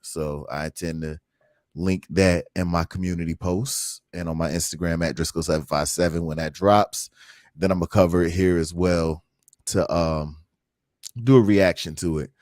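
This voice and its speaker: A man's voice: low voice, steady tone, moderate pace, a little mellow, no echo, clean studio sound. A man hosting a casual livestream talk, earnest and reflective, reading viewer comments aloud. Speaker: host.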